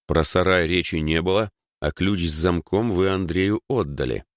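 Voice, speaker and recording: A curious young man who keeps asking questions, voiced by a male reader. The voice sits fairly low and close to the reader's own, in a dry, close recording. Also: normal speed, no echo, natural voice. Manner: questioning, puzzled.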